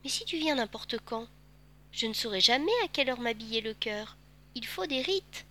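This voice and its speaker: A woman voicing a gentle, wistful male fox who speaks patiently and tenderly in a storybook reading. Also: fairly high pitch, animated, moderate pace.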